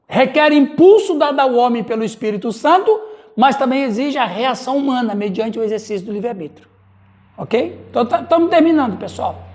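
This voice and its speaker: A male pastor with a Brazilian Portuguese accent, teaching a Bible study and calling on listeners by name. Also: extremely high pitch.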